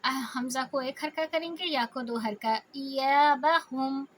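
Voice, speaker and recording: A woman teaching a Quran reading lesson, explaining each rule patiently and slowly drawing out syllables to demonstrate them. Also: high-pitched, a bit bright, a little hiss or hum. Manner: patient step-by-step explaining, slowly stretching out sounds as examples.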